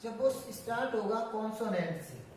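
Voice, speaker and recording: A woman's voice: fairly high pitch, normal speed, a little mellow, a little hiss or hum. Woman teaching in an echoey room. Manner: repeats and restarts, asks and answers own questions. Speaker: English grammar teacher. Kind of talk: classroom explanation. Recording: distant echoey room sound.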